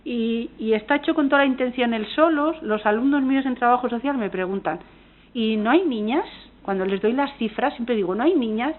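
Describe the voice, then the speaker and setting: Woman lecturer, spanish accent, fairly high voice, earnest, restarts sentences, thin phone-like sound. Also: brisk. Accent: Spanish from Spain. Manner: earnest, engaged, frequent restarts and self-corrections. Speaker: university lecturer. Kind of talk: academic conference talk. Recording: tinny phone-like audio.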